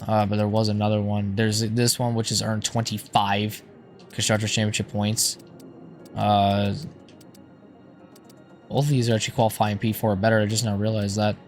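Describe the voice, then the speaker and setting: A man's hoarse, somewhat low voice talks through a video game in a casual, informal style. He rambles and thinks aloud as he goes, with music playing clearly behind him. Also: level tone, normal speed, pauses often. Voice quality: hoarse voice, strained from losing it. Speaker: gaming YouTuber. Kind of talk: casual gameplay commentary.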